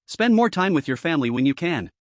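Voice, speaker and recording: A man reading the lines of an aloof young immortal cultivator, speaking calmly and indifferently. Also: fairly high pitch, quick pace, dry recording, studio quality. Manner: calm, indifferent commanding tone.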